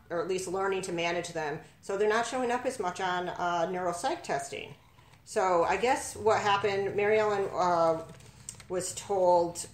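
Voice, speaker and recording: Woman host explaining things, echoey room. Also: fairly low pitch. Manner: explanatory, speaks on her daughter's behalf. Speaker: podcast host and mother. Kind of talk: casual interview chat.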